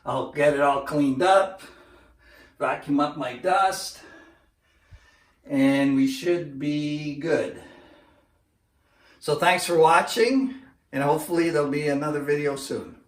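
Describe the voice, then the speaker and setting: A man's voice: fairly high pitch, takes it slowly, pauses often, reverberant, recorded from a distance. A man hosting a home DIY video, explaining each step in a plain, easygoing way with small restarts, in his living room. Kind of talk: casual how-to narration.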